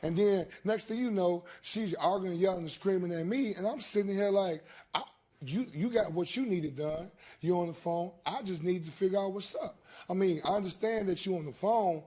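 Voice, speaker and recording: A man's voice: sits high, moderate pace, darkish tone, husky. A man giving aggrieved testimony as a husband in a TV court, complaining and pleading, often repeating himself. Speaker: husband as litigant on a court show. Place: TV courtroom studio.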